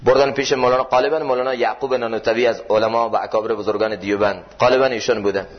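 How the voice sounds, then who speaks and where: A man with a Khorasani Persian accent preaching a mosque sermon on Masnavi poetry. He chants verses slowly and swings between high, loud pleading and low, hushed tones. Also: fairly even intonation. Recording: dull lo-fi recording.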